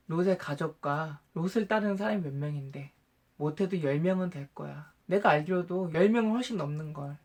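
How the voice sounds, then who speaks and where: Old Abraham from a Bible storybook, voiced by a man. He speaks with humble, earnest care, in the plain voice of a gentle storyteller. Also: sits high. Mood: relieved, reassuring himself.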